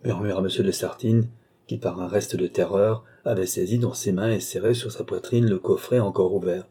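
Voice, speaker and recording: A man narrating an audiobook, reading at a measured, steady pace. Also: deep voice, slightly rough. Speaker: audiobook reader.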